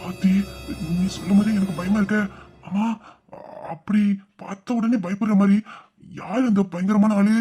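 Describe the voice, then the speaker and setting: A man's voice: high-pitched, steady tone, normal speed, dark tone, husky, soft background music. A man playing a teasing young husband in an audio drama, mock-stern and scolding. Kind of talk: Tamil audio drama acting.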